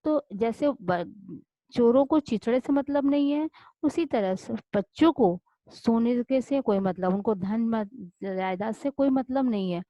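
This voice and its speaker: A woman's voice: on the high side, animated, a little slow, warm tone, no echo. Woman teacher explaining a story. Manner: explains words repeatedly, many restarts. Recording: dull lo-fi dry recording.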